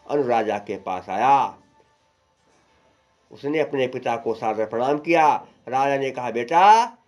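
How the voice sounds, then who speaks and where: A man's voice: mid-range voice, a little mellow, faint music behind. A man telling a devotional folk story and breaking into song. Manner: slow, singing in a lilting folk style. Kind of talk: devotional story recital with singing.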